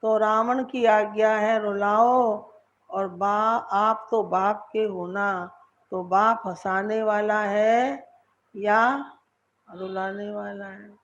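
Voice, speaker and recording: A woman's voice: medium pitch, fairly even intonation, extremely slow, muffled recording. A woman giving a devotional lecture as a spiritual teacher, repeating words for emphasis and asking her listeners questions.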